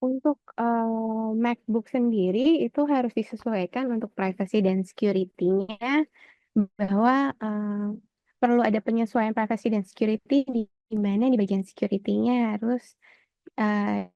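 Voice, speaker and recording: A woman presenting a webinar walkthrough of a teaching e-book, pausing often on "eh" fillers and ending her points with "begitu". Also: mid-range voice, no room sound, highs cut off.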